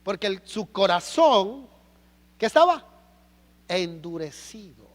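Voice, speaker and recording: A Mexican man preaching a sermon as pastor, animated and full of rhetorical questions. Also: high-pitched, takes it slowly, big-room sound. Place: church hall.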